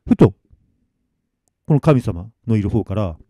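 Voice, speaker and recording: A man telling a ghost story in a hushed, dramatic way, acting out each character's voice. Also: lowish voice, big pitch swings, measured pace, dry recording. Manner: hushed, dramatic, acts out every voice.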